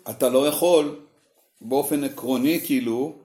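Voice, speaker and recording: A man teaching meditation to a group, explaining slowly and reflectively with many fillers and pauses. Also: mid-range voice, mellow. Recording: echoey room.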